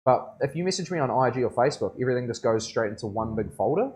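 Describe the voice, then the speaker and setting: A man's voice: mid-range voice, animated, fast talker, darkish tone. A man with a broad New Zealand accent chats casually on a livestream as a tattoo artist, in laid-back, slangy speech that often checks for agreement.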